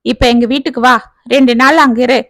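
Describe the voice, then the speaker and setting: A woman's voice: high voice, fairly even intonation, a little fast, creaky, a bit bright, no echo, studio quality. Woman voicing a protective elder cousin. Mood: soothing. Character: caring, bustling office-working older sister.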